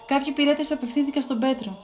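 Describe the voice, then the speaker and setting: Female storyteller, fairly high voice, clear expressive kids' Bible reading. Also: slight background noise. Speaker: children's storyteller.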